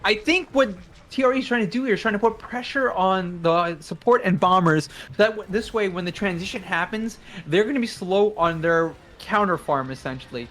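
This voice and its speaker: A man with a northern English accent giving measured, analytical esports commentary. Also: high-pitched, a bit bright. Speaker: esports caster.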